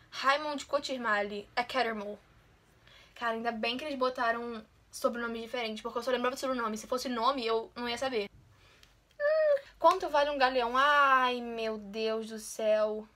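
A woman's voice: a little high, bright, forceful tone. A woman, chatting casually and teasing herself while taking a quiz on her channel. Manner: chatty, self-mocking, competitive. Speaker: YouTuber.

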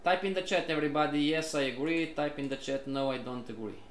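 This trading instructor talks fast in a fairly high voice while teaching a live online class, constantly quizzing and nudging his students as a group in a repetitive way. The audio sounds roomy with a slight hiss or hum.

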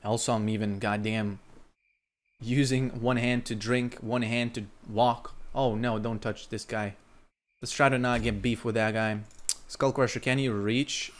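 A young man comments on his gameplay live, chatting to his viewers through a headset mic. He talks in a casual, excitable way and often bursts out loudly, with a faint hiss of noise behind him. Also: medium pitch, measured pace. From Lithuania. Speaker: gaming streamer.

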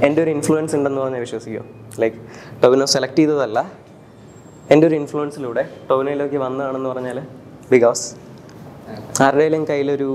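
Calm coaxing man performing outdoors. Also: medium pitch, slight background noise. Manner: calm, coaxing, repeats soothing instructions. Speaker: street mentalist performer. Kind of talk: street performance patter with spectators. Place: outdoors in public.

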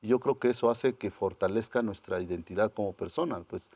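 Speaking briskly in a low, husky voice, a young guest artist from Oaxaca, Mexico, whose first language is Mazatec, stays soft-spoken, calm and searching, with plenty of fillers. The audio comes from a lapel mic on an indoor TV studio set, with no echo.

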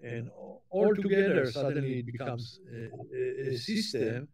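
A man giving a conference keynote lecture, talking in a halting way with frequent restarts and repeated words. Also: mid-range voice, lively intonation, darkish tone. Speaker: keynote speaker.

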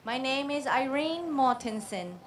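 Woman, 40s, Singaporean English accent, fairly high voice, emphatic rally speech, stand mic outdoors. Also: animated, a little slow, slight background noise. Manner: impassioned, emphatic, with rising force and rhetorical questions. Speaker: protest speaker. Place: outdoor park stage. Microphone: microphone on a stand.

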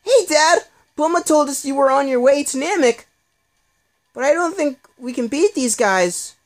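A woman voicing an eager young boy fighter in a fan dub of game dialogue, talking high and urgent. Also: expressive, normal speed. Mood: worried.

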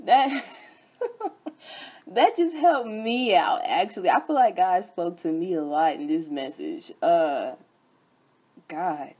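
A woman's voice: lowish voice, slow, pauses often, a little mellow, breathy edge. A young woman hosting a sermon broadcast, preaching fervently with repeated chanted refrains. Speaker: host and preacher.

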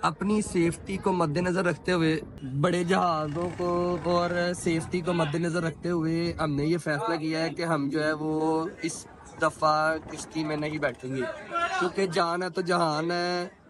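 A young man, his voice pitched a little high and held to a narrow, even melody. He explains what he sees in a measured way as he films a travel vlog on a phone held close. Loud harbour wind and engine noise runs under him. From Pakistan. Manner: measured, explanatory, pious greetings. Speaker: travel vlogger. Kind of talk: outdoor travel vlog narration. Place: outdoor harbour by the water.

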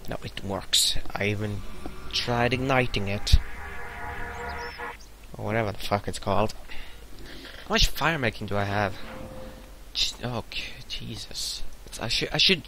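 A young man commenting on his own gameplay in a casual let's-play, muttering to himself, swearing often and breaking into sudden loud outbursts. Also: on the low side, measured pace, long pauses, background noise. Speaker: gamer narrating his play.

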